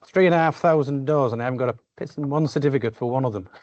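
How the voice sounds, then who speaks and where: A man's voice: medium pitch, racing, darkish tone, no echo. A man talking bluntly and informally in a meeting held over a video call. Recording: slightly dull video call audio.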